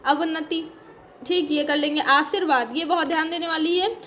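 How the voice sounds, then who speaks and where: Woman teacher going through spelling for an exam, patient, keeps checking in, high voice. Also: moderate pace, bright, forceful tone, a little hiss or hum. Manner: explains patiently, says "ठीक है" constantly. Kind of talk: spelling lesson for exam prep.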